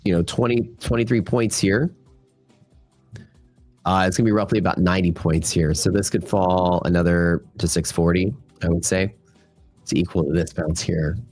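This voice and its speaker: Over soft background music, a deep-voiced man runs a futures trading livestream and keeps up casual, filler-heavy market talk with his chat. He speaks at a normal speed with fairly even intonation and a slightly mellow tone, though a cold leaves him sounding worn and nasal.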